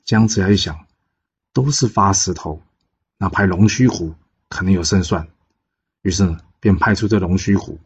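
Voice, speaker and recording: A man with a Taiwanese Mandarin accent telling a classic tale in a casual, relaxed way, pausing often on filler particles. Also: low voice, breathy edge. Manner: relaxed, frequent drawn-out pause particles. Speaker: storyteller. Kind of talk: casual storytelling narration. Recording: dull lo-fi podcast recording.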